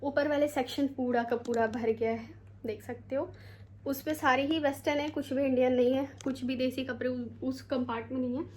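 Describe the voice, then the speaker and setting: A young woman from India vlogs at home into a handheld phone camera. Her voice sits high and light, and she rambles in a casual, chatty way, tossing English words in as she goes. She sounds worn out after standing all day. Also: steady tone, normal speed, darkish tone, a little hiss or hum. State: tired, sore feet. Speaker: vlogger. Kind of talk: casual vlog chat to camera. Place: home, bedroom.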